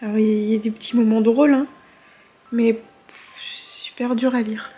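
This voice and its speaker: A woman's voice: a little high, fairly even intonation, a little fast, mellow, slightly rough, faint music behind. A woman vlogger chatting casually about her drawing and reading, with fillers and half-whispered asides. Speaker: art vlogger. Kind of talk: casual chat.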